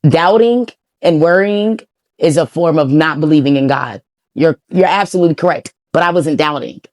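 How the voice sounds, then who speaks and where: A woman hosting an interview, playful and quick to push back in a sit-down chat. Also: deep voice, a little mellow. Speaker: interview host. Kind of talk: unfiltered sit-down conversation.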